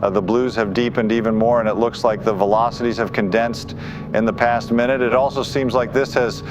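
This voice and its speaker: Speaking a little fast over music, a man with a mid-range, fairly even voice delivers urgent live tornado coverage as a weather forecaster. He sounds grave and insistent and talks off the cuff. The audio is dull and muffled, with faint noise.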